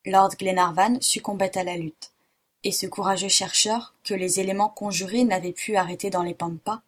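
A woman reading a classic adventure novel aloud in a measured, steady way. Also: mid-range voice. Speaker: audiobook narrator. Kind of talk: scripted narration.

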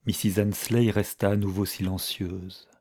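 A man narrating a story in a measured, even audiobook reading. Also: low voice.

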